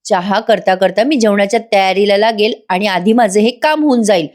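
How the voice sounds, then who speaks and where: A woman's voice: mid-range voice, normal speed, darkish tone, close to an everyday voice. Woman narrator plays a firm, defiant wife. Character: defiant housewife Suman.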